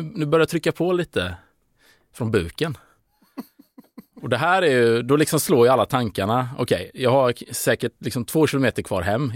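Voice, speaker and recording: A man's voice: medium pitch, no echo. A man tells a long anecdote in a casual podcast chat, with many fillers, restarts and bursts of laughter. His voice sounds dry and close. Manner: rambling, hesitant, with fillers and laughing. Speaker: podcast guest. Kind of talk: casual storytelling.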